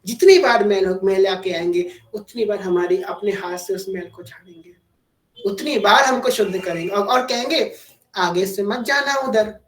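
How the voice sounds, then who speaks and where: Woman giving a devotional talk, mid pitch, keeps pressing with questions, roomy echo. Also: moderate pace. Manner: fervent, urging, rhetorical questions. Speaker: devotional speaker. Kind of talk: devotional discourse.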